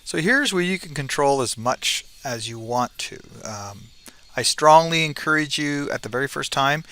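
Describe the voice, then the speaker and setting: Animated and a little high, this man's pushed, bright voice moves at a moderate pace as he presents a casual technical tutorial. He talks conversationally and keeps checking in with "right?" along the way.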